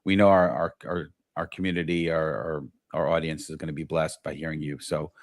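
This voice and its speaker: A man's voice: very deep voice, level tone, brisk, no echo. A middle-aged man hosting a live-stream talk show, enthusiastic, often restarting and repeating words as he talks to viewers. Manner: enthusiastic, repetitive, many restarts. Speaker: show host.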